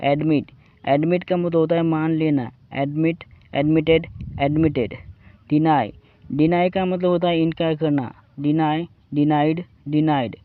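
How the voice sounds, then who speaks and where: A man with an Indian accent teaches English verbs, repeating each form in a slow, measured drill. His voice sits a little high, and it comes through a thin, phone-like recording with no room echo. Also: fairly even intonation. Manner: slow drilling recitation, addresses viewers as friends. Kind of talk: vocabulary lesson, reciting verb forms.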